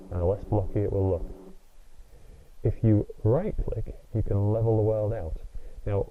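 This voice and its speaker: Low-voiced guy doing a step-by-step software tutorial, super tinny crappy mic sound. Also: slight background noise. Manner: patient, step-by-step instructive. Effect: tinny low-quality sound. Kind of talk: screen-recorded tutorial narration.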